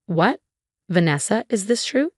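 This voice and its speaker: A woman voicing an evasive young husband who keeps trying to calm things down, in a storybook narration. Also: mid-range voice, unhurried, breathy edge, dry recording, studio quality. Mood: placating. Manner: placating, uneasy.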